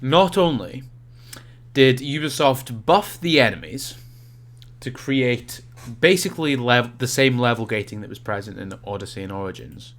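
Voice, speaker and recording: A man's voice: mid-range voice, animated, moderate pace. A young man co-hosting a casual podcast, nasal and stuffed up from a cold, rambling and stumbling over his words. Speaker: podcast co-host.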